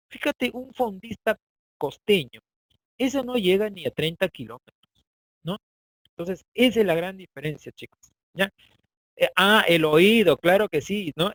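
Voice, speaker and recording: A man's voice: sits high, no echo, rough recording. A middle-aged man with a Peruvian Spanish accent, lecturing a class in a chatty way and often checking that his students follow. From Peru, Andean highlands. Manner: chatty, asks students for agreement. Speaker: teacher.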